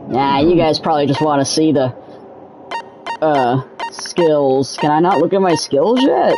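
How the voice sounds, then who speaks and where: A woman's voice: sits low, measured pace, poor audio. A young woman hosting a let's play, rambling casually with a laid-back, self-correcting manner. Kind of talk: casual gameplay commentary. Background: game music.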